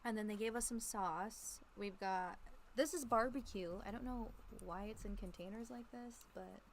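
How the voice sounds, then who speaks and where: A woman's voice: mid-range voice, moderate pace, a little hiss or hum. A young woman vlogging in a casual chat, laughing often. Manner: giggly, chatty, laughs often.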